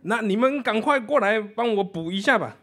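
A man voicing a calm, puzzled German man in a retold joke, speaking unhurried and matter-of-fact. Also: high voice, voice pushed up, full character voice.

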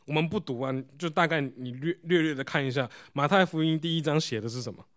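Male preacher, sermon, voice a little high, leans on rhetorical questions. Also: quick pace, a bit bright. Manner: asks the congregation rhetorical questions; explains while showing photos.

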